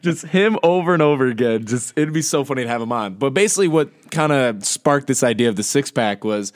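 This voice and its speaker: A young man co-hosts a casual podcast and keeps the talk playful. His pitch jumps around a lot, with lively rises and dips. Now and then he slips into quick put-on voices for a joke. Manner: joking, animated, breaks into quick put-on voices. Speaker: podcast co-host. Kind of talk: casual chat.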